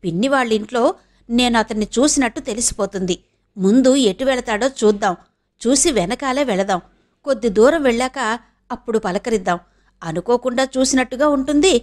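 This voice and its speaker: A cautious young man, pleading and careful with his words, read by a woman narrator in a storybook. The voice stays fairly high, close to the reader's own. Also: brisk, darkish tone, natural voice. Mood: coaxing. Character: anxious young man coaxing his mother. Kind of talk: audiobook character reading.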